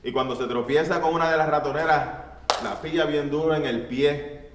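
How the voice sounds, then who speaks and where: A man's voice: on the high side, moderate pace, background noise. A male pastor preaching earnestly in a church, speaking straight to the congregation. His voice rings through a roomy hall with a long tail and is picked up from far off. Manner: earnest, addresses the congregation as brethren. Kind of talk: sermon with storytelling.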